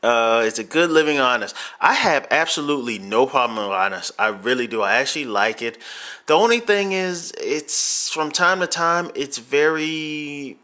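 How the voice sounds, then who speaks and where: Bright-voiced American man with a sore throat. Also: a little high, animated, normal speed. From Miami, United States. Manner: loose, rambling, many fillers and restarts. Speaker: podcast host answering viewer questions. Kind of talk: casual rambling chat.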